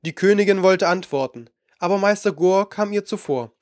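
Male audiobook narrator, fantasy, measured, slightly high, dry booth. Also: dry recording.

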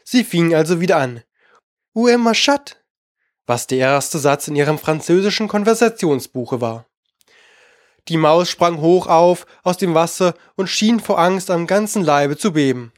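A man narrating a storybook in an even, measured reading. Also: on the high side, no room sound, clean studio sound. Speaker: audiobook narrator.

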